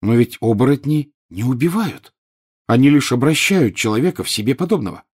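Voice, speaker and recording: A man's voice: medium pitch, animated, fairly quick, a little mellow, slightly rough, voice pushed up. A man voicing an earnest, somewhat bitter teenage boy wizard in an audiobook.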